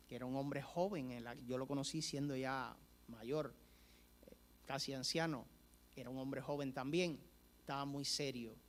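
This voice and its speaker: A man's voice: medium pitch, a little hiss or hum. A male preacher telling a story in a sermon, acting out the dialogue at a church service.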